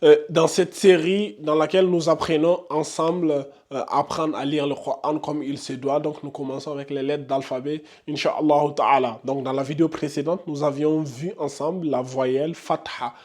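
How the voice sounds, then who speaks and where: Man, fairly high voice, patient teacher, repeats and hesitates. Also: steady tone, moderate pace, hardly any pauses, a little mellow. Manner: patient, repeats himself, many filler "donc" and "euh". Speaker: Quran reading teacher. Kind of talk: casual beginner lesson at a whiteboard.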